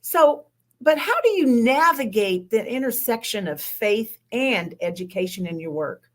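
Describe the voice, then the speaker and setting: A woman's voice: on the high side, expressive, unhurried. A middle-aged American woman interviewing a longtime friend, affirming and encouraging with each point. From United States.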